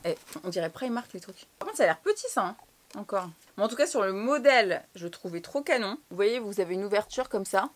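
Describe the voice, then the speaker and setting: A young woman from France chatting casually through a clothing haul, slangy and swearing now and then. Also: medium pitch. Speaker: fashion vlogger.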